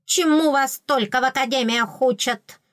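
A woman's voice: high voice, moderate pace, no room sound, clean studio sound, pitched above the performer's own voice. A woman voicing a haughty fairy queen. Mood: indignant. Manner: sharp, indignant commands.

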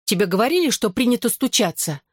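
Reader putting on a jumpy teen girl, prudish, flares up fast, dry close audiobook sound. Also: medium pitch, very animated, breathy edge, no room sound, pitched above the performer's own voice. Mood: exasperated. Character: teen girl, skittish, prudish, quick-tempered. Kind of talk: audiobook character voice.

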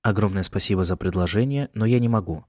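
A man's voice: lowish voice, fast talker, mellow, no echo, studio quality, lightly acted. A man doing a polite, guarded young friend. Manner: polite and restrained.

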